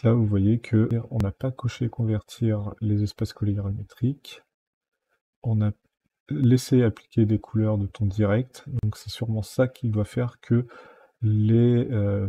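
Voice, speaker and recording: Husky, dark-voiced man walking through software steps. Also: on the low side, fairly even intonation, a little slow. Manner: step-by-step, many fillers like "donc" and "euh". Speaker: software tutorial host. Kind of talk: screen-recorded software tutorial.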